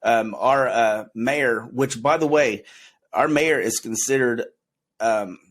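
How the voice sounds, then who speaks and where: A man in his forties from Oklahoma, hosting a casual political chat in a halting way, with many fillers. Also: medium pitch, a bit bright. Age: 40s. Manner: halting, full of fillers and restarts.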